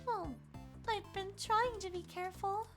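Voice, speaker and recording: A woman's voice: very high-pitched, steady tone, unhurried. A woman voicing a meek, naive girl made of toxic ooze in a visual novel, talking timidly and sweetly. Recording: game audio over music.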